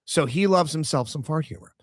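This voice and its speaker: A man hosting a podcast, telling a crude comic story in lively chat and acting out what others said. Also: a little high, brisk, no room sound, clean studio sound. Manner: animated, crude jokes, acts out quotes. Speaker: podcast host. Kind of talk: casual comedic storytelling.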